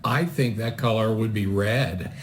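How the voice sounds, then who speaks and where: A man's voice: fairly low pitch, measured pace. Older man co-hosting kids show, dry humor, noisy. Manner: dry, joking asides. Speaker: co-host of a children's show. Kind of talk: kids show chat with co-host. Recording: home recording with background noise.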